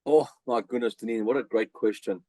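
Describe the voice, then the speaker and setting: The middle-aged guest, a business coach with a South African accent, has a warm, medium-pitched voice with fairly even intonation and a slightly quick pace. In this dry recording he chats energetically through a casual podcast interview, restarting often and using lots of fillers.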